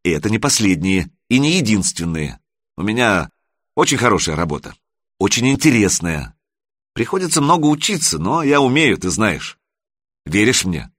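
A man's voice: lowish voice, very animated, normal speed, a bit bright, dry recording, studio quality. A man voicing an earnest young man who reassures his parents in an audiobook. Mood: reassuring. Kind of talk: audiobook character voice.

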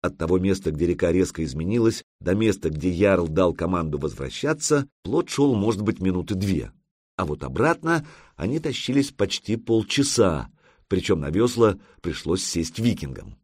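A male audiobook narrator with a very low, husky voice. His telling is expressive, rising and falling widely in pitch. The recording is close and dry. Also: moderate pace, no echo. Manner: expressive storytelling with lively intonation.

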